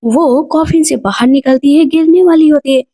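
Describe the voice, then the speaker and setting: Recap narrator: a woman with a high voice, steady and plain storytelling. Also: normal speed.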